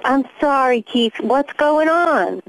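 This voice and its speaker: A woman's voice: sits high, animated, slow, dry recording. A woman in a casual phone conversation, speaking as a girlfriend in on a prank. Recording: noisy phone call.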